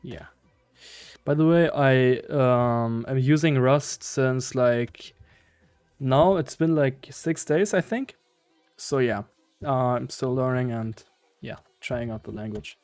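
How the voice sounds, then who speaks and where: A man's voice: mid-range voice, takes it slowly, darkish tone, clear, resonant tone, no echo, soft background music. A man with a German accent doing casual live coding commentary, hesitantly thinking aloud in fragments. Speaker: live-streaming programmer.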